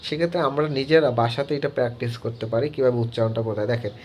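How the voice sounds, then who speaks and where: A man acting as a teacher, walking students through an app tutorial in a halting way with many filler words. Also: medium pitch, steady tone, a little mellow, a little hiss or hum. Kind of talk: screen-recorded app tutorial.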